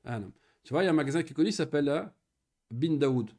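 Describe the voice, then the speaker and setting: Guy tutoring arabic one on one, a bit high voice, keeps checking you follow, says the arabic words slow. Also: animated, a little mellow, slight background noise. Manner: patient, explains step by step, checks understanding often; pronounces Arabic words and phrases slowly. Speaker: Arabic teacher. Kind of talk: one-on-one Arabic grammar lesson.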